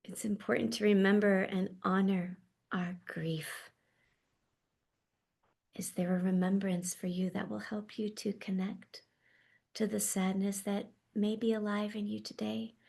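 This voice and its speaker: Softly and slowly, a woman guides a meditation, her gentle words often fading into a half-whisper. A slightly gravelly edge colors her voice, while her pitch stays even and level.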